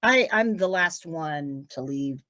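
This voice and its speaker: A woman's voice: sits low, expressive, slow, sharp tone. A middle-aged woman from Tennessee, a voice actress as guest, talking in a rambling, open, chatty way during a casual interview. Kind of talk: casual interview over a video call.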